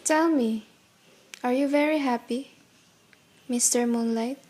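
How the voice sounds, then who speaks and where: A woman's voice: on the high side, takes it slowly, darkish tone, slight background noise. An actress playing a tender, secretive, wistful lady in a radio play.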